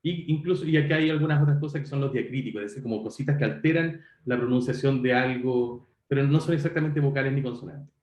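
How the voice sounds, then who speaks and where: A man's voice: medium pitch, fast talker, few pauses, a little mellow, echoey room. A man giving an online university lecture, talking conversationally to students and correcting himself as he goes. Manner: conversational, self-correcting, addresses students directly.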